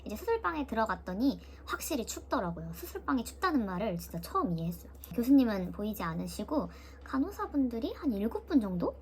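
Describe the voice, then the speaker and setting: Young woman vlogger, quick casual storyteller who imitates others, faint background hiss. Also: on the high side. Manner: lively, mimics voices of nurses and her sister while retelling.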